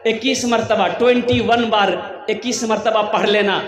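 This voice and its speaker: A man's voice: high-pitched, fairly even intonation, normal speed. A man with a Kolkata accent giving a humorous sermon, playfully quizzing his audience over a public address mic. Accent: Kolkata Hindi. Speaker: Islamic preacher. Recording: echoey hall, long reverb.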